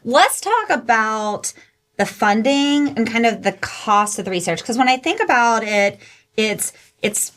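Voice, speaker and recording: A woman's voice: on the high side, lively intonation, a little slow, a bit bright. A middle-aged woman hosting an interview, conversational and affirming. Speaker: podcast host.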